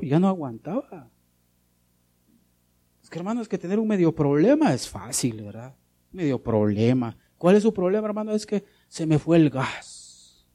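A man preaching a sermon as a pastor, shifting between loud and soft, asking rhetorical questions and addressing listeners as brother. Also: medium pitch.

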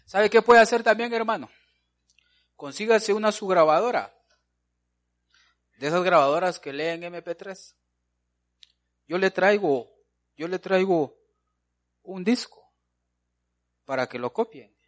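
A man's voice: high voice, measured pace, pauses often. A man preaching a folksy sermon, calling listeners brother and answering his own questions.

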